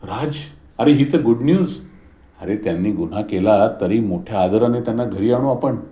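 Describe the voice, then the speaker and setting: A man's voice: on the low side, normal speed, mellow, close to an everyday voice. A man voicing a greedy younger son who talks eagerly and coaxingly. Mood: gleeful. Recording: roomy echo.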